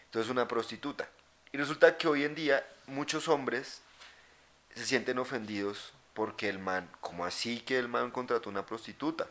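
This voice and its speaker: A young man co-hosting a podcast, telling stories in crude, animated slang. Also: mid-range voice, normal speed. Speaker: podcast co-host. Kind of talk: casual chat.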